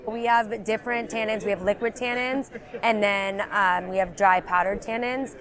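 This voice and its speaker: A woman's voice: mid-range voice, steady tone, normal speed, a bit bright. Woman explaining products at a trade show. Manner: explanatory, many fillers like um and you know. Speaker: beverage sales representative.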